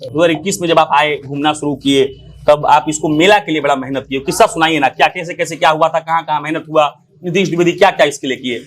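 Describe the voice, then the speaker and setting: A man's voice: on the high side, steady tone, a bit bright. A man, a reporter probing and prompting his guest in a casual interview. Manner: probing, prompting, quick backchannels.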